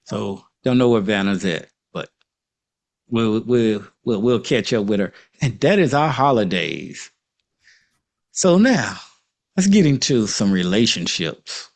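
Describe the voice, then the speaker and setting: A man's voice: lowish voice, animated, slow, gravelly. A man with an Arkansas accent, chatting casually as the host of a panel talk.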